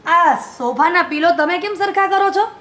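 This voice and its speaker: High-voiced young Gujarati woman, pushy. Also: sharp tone. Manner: scolding, quick and pushy. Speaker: daughter of the family. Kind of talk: Gujarati family film acting.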